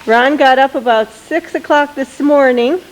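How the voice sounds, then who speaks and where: Heard through the built-in microphone of the old camcorder she's holding, a woman speaks in a high, relaxed voice while recording her children playing in the snow. She describes what she's filming and urges the kids to wave, and the rough audio carries a light hiss.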